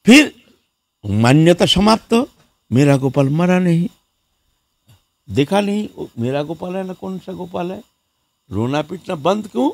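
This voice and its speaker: Gravelly, lively male monk preaching. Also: sits high, a little slow, pauses often, dry recording. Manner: lively storyteller who acts out the people in his story; repeats words and fills with "haan". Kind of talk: devotional sermon with storytelling.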